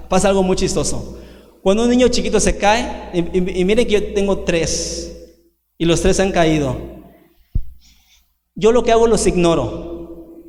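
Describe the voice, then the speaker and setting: A man preaching a sermon as pastor, asking rhetorical questions and stretching key words out slowly. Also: high voice, darkish tone. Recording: echoey hall with long reverb.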